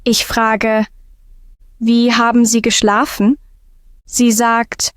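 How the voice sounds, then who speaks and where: A woman narrating a scripted first-person story for language learners in calm, simple short sentences. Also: fairly high pitch, slow pace, dry recording, clean studio sound.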